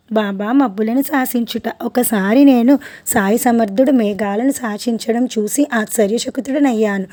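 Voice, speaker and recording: Mellow-voiced woman reading devotional tales. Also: a little high. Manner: steady, earnest storytelling reading. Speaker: narrator. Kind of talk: scripted devotional narration.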